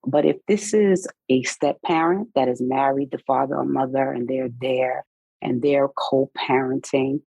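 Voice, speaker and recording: A woman's voice: a bass voice, steady tone, unhurried, vocal fry, mellow, slightly rough, dry recording, low-quality recording. A middle-aged woman co-hosting a casual podcast, speaking candidly and telling stories from her own life. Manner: candid, storytelling from personal experience. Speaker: podcast co-host.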